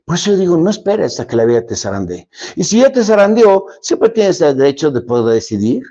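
A man giving a motivational speech, dramatic, swinging between loud emphasis and soft, low lines. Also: sing-song, a little fast. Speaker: motivational speaker. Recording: dull lo-fi recording.

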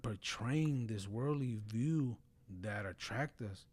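A man's voice: medium pitch, slow pace, a little mellow. Blunt, earnest man in casual faith talk. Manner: blunt, earnest, frequent "bro" and "you know". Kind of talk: casual religious discussion.

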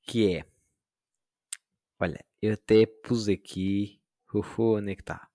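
A young man with a European Portuguese accent chatting casually on a podcast, telling stories with lively imitations and sudden loud outbursts. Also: on the low side, slow, no room sound, studio quality. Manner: animated storytelling, mimics voices, rising into outbursts. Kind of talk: casual chat.

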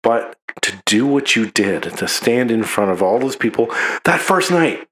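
A man's voice: medium pitch, big pitch swings, measured pace, fairly bright tone. A man co-hosting a podcast, chatting casually and teasingly while drinking beer during the recording. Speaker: podcast co-host. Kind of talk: casual chat.

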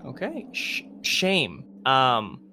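A man's voice: medium pitch, huge pitch swings, very slow, noisy background. A man narrating as game master of a tabletop game, rambling with fillers and restarts.

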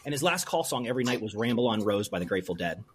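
A man from rural Pennsylvania, a brewery owner, telling a personal story in an interview in an earnest, halting way full of restarts. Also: lowish voice, sing-song, slight background noise.

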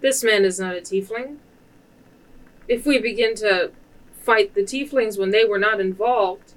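A woman playing a stern, self-important dwarven general in a tabletop game, speaking formally and deliberately. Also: mid-range voice, distant mic, lightly acted, low-quality recording. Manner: deliberate, formal, pulling rank.

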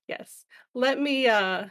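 A woman hosts a casual podcast chat in a high-pitched, slightly bright voice. She comes across as an enthusiastic, giggly fan and sounds a little out of breath after being ill.

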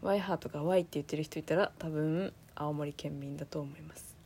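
A woman from Aomori with a Tsugaru accent, co-hosting a casual chat podcast in a relaxed, chatty way and laughing often. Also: low-pitched, fairly quick, creaky, a little hiss or hum. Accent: Tsugaru dialect. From Aomori, Japan. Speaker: podcast co-host.

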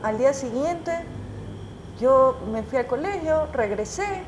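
Animated woman telling stories. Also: high-pitched, a little slow, slight background noise. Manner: animated, emotional, frequent restarts. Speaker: interview guest, news journalist. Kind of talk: casual conversational storytelling. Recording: echoey room.

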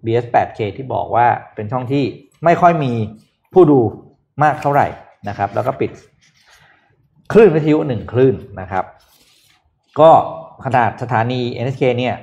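A man co-hosting a podcast, explaining business news in a casual, lively chat and asking rhetorical questions. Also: medium pitch, normal speed, gravelly, dull audio. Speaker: podcast co-host presenting news.

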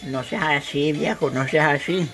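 A woman's voice: low-pitched, measured pace, fairly bright tone, faint music behind. A woman playing a loving old grandmother with a Salvadoran accent, fussing over her grandson and husband. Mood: doting. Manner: doting, calls everyone son and dear.

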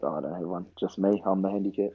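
A young rugby player with a broad New Zealand accent answers interview questions in a casual chat, using short, slangy phrases. His deep voice has a steady tone, is fast and slightly rough, and the sound is phone quality.

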